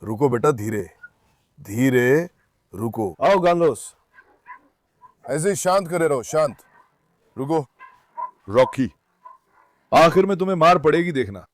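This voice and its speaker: A man vlogging on his farm with a clip-on mic, calming his dogs with soft commands and chatting to viewers. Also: mid-range voice, measured pace, pauses often, no room sound. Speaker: farm dog keeper and channel host. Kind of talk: casual vlog talk to camera and dogs. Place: outdoors on a farm.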